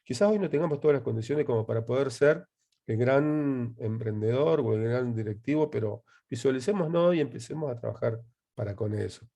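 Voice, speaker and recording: A man's voice: medium pitch, fairly quick, gravelly, dark tone. An Argentine man, a university lecturer hosting an interview, agreeable and emphatic as he talks. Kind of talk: casual conversation.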